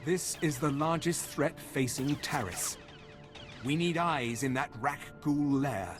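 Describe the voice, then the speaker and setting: A man with a slightly high voice speaks slowly, voicing a worried, exasperated male professor of xenozoology in a video game. His delivery is grave and pointed, with music in the background and noisy game ambience throughout.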